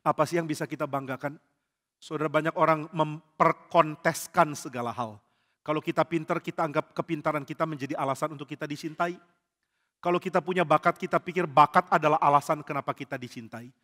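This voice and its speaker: A man preaching a lively sermon to a congregation as pastor, acting out little dialogues and jokes. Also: on the high side, fairly quick. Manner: animated, acts out quotes and jokes with the congregation. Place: large church hall. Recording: church hall reverb.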